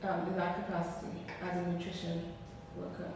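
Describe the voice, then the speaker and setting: A woman interviewer asking calm, measured questions. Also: fairly low pitch, vocal fry. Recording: echoey room from far off, faint noise.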